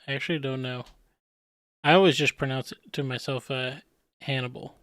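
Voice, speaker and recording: Male streamer, casual rambling commentary, smooth voice, dry close mic. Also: medium pitch, fairly quick, no room sound. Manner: relaxed, rambling, chuckles at himself. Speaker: streamer analyzing manga panels.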